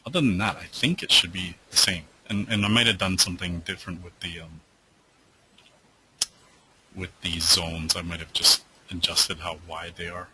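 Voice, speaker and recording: A man's voice: low-pitched, steady tone, moderate pace, pushed and bright, a little hiss or hum, poor audio. A man hosting a live trading webinar who answers viewer questions in a loose, rambling way with lots of fillers, and who is losing his voice.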